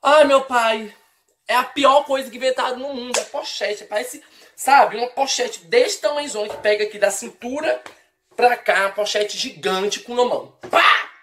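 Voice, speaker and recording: A woman's voice: a little high, moderate pace, fairly bright tone, a little hiss or hum. A Brazilian woman talks straight to her viewers in a comic opinion rant. She is blunt and teasing, and she exaggerates everything with mock outrage. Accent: Brazilian Portuguese. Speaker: vlogger.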